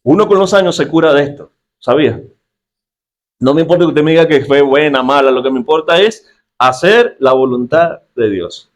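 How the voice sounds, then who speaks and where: A middle-aged man preaches with a playful, theatrical manner, leaping into higher pitches as he acts out the people he quotes. His voice sits a little high for a man. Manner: lively, acts out quotes with sudden pitch jumps. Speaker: pastor. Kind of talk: humorous sermon.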